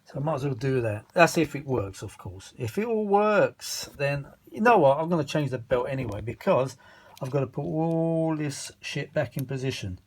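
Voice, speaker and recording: A tired British man, a vintage audio repair vlogger, rambles through casual, unscripted repair commentary, muttering, grumbling and swearing mildly as he hunts for words. His mid-range voice is expressive and slightly rough, at a moderate pace. He sounds grumbling and exasperated.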